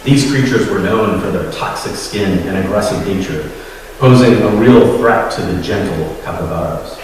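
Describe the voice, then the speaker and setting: A man with a fairly low voice gives a storytelling talk, pausing often on fillers and restarts. He sounds a little nervous. He is heard from a distance in a large hall with a long, echoing reverb. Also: a little mellow, a little hiss or hum. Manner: hesitant, many fillers, admits nerves. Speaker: guest speaker at a secular congregation. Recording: echoey hall, voice from far off.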